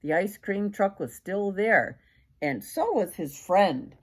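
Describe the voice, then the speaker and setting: A grandmother with a medium-pitched, expressive voice reads slowly from a picture book. She lays on dramatic emphasis and tosses asides to the children listening.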